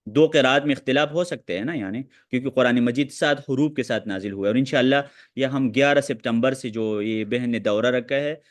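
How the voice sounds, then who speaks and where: Fast-talking man teaching hadith. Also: mid-range voice. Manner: talks quickly, quoting Arabic texts. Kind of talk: online lecture with questions.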